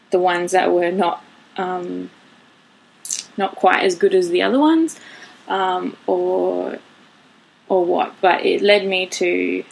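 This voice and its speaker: A woman's voice: fairly low pitch, gravelly, low-quality recording. A woman in her late twenties hosting her own podcast, talking candidly in a rambling way, laughing and swearing now and then. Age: 20s. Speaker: podcast host. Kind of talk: casual solo monologue.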